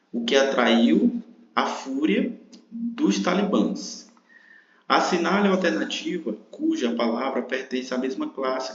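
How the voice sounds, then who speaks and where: A man teaching an exam-prep grammar lesson, explaining step by step and often checking in with tag questions. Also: mid-range voice. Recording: roomy dull lo-fi recording.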